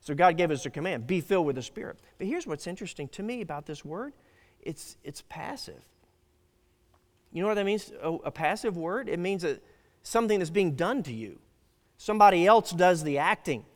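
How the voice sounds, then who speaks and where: A male pastor delivers a sermon earnestly and emphatically, his high voice swinging widely in pitch with lively intonation at a moderate pace. He frequently breaks off and restarts phrases, and a long reverb suggests a large church sanctuary.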